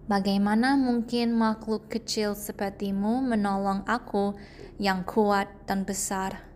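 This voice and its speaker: A woman voicing a hungry, boastful big male lion in a storybook, speaking loudly and bossily. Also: mid-range voice, steady tone, slow, a little hiss or hum, close to an everyday voice. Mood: gloating. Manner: loud, gloating, bossy.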